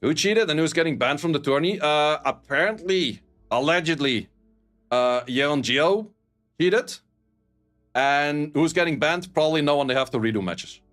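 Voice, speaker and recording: With soft background music, a streamer and esports caster from the Netherlands chats casually and reads messages from his viewers. He has a Dutch accent, talks bluntly with lots of swearing and laughter, and his fairly high, slightly bright voice moves at normal speed.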